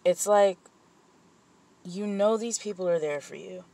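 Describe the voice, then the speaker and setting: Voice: mid-range voice, a little slow, gravelly, warm tone. A vlogger talking candidly in a personal vent session, rambling with fillers and restarts, and turning blunt and profane when heated. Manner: candid and rambling, with frequent fillers and self-corrections.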